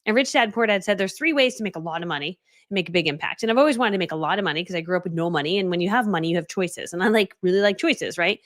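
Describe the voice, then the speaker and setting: Woman, forties, from Connecticut, rapid chatty live-stream coach, animated. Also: fairly low pitch. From Connecticut, USA. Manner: chatty, animated, quoting herself, many "like" fillers. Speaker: business coach. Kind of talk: casual live-stream storytelling.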